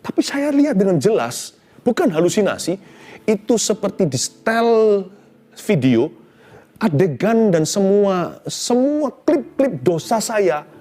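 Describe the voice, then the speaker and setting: A middle-aged man preaching a sermon, telling a personal story with animated swings between loud exclamations and hushed tones, mixing in English phrases. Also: sits high, unhurried. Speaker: pastor.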